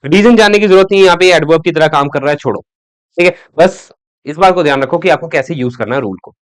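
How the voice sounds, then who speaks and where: Hindi-English mixing grammar teacher, fairly high voice. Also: male voice, dry recording. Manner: explains step by step, repeats "ठीक है" as a check; reads English example sentences slowly. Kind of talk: exam-prep grammar lesson in Hindi-English mix.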